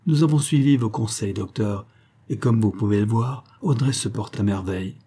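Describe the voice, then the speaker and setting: A courteous aging bourgeois gentleman, father of the bride, speaks with polite assurance and a raised, brighter lift over a dark, husky base, as a male narrator puts him on. It is a character voice in a literary audiobook. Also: on the low side, moderate pace.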